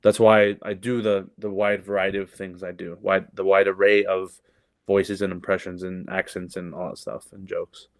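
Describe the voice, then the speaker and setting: Low-voiced comedian, loose and casual. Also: male voice, little pitch movement, normal speed, clear, resonant tone, no room sound, clean studio sound. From Canada. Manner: loose, profane, lots of fillers and restarts. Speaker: comedian guest. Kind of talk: casual podcast chat.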